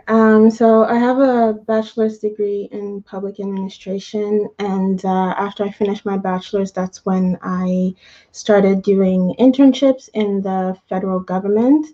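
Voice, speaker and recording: A Canadian woman in her thirties speaks as a guest on an online show. Her tone is mellow and warm, and she talks in a friendly, steady manner. The sound is a bit dull and muffled, like a video call. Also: mid-range voice. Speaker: guest, career coach. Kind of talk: conversational interview answers.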